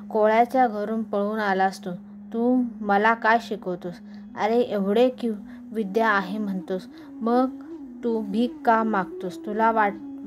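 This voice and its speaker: A wrathful ancient goddess, contemptuous and scolding, from a devotional scripture reading, read by a woman. The voice sits at a middle pitch. Steady hiss and room noise run under it. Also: lightly acted.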